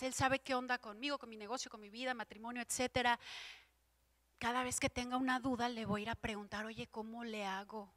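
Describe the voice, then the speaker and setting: A young woman delivers an informal church message, weaving in her own testimony. Her voice sits high, and she acts out her prayers and quotes with lively shifts. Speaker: church speaker giving a testimony. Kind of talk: informal sermon with personal testimony.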